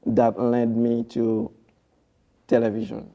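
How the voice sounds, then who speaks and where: A man's voice: mid-range voice, monotone, slow, dark tone. A man from Haiti, a TV producer, speaking as a studio interview guest in a formal, devotional way with hesitant fillers.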